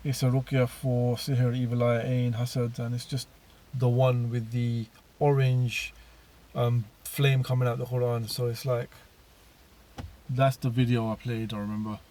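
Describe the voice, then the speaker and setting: A man's voice: mid-range voice, flat delivery, unhurried, mellow. Rambling man telling his own story. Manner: rambling, many restarts and fillers. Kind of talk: casual personal monologue.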